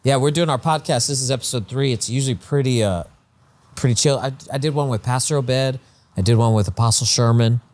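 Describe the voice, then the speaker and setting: A man's voice: medium pitch, brisk, a little mellow. A man hosting a podcast as a preacher, chatting and interviewing in an informal, encouraging, slangy way. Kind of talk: casual chat and interviewing.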